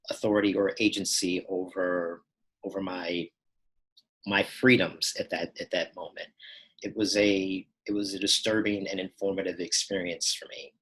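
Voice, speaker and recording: A man from Texas tells his own story in a steady, thoughtful voice that sits a little low. He pauses and restarts as he goes, choosing his words with care. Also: poor audio. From Texas, United States. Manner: measured and reflective, with pauses and small restarts. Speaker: storyteller recounting personal experiences. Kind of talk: first-person account.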